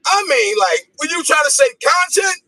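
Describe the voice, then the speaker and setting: A man in a casual livestream chat, taunting in an animated, sing-song way. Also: extremely high pitch, normal speed, no room sound. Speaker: podcast guest. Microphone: phone livestream.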